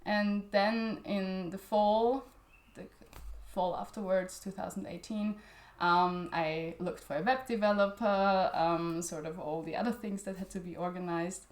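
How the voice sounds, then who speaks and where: A journal founder is interviewed conversationally; she's a young Austrian woman who grew up speaking German. Her mid-range voice is fairly even and a little slow, the sound reverberant, and she restarts often, uses plenty of fillers, and laughs frequently.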